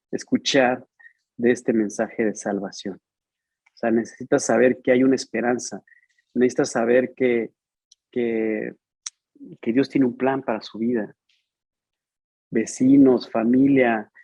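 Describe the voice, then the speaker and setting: A man's voice: mid-range voice, a little mellow, husky, dry recording, poor audio. A man preaching a sermon in a conversational, storytelling way, acting out the dialogue. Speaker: pastor.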